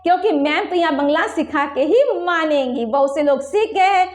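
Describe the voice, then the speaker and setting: A woman teaching a language lesson at a board, explaining patiently and slowing down to spell out example phrases. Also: high voice, echoey room. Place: room with a whiteboard.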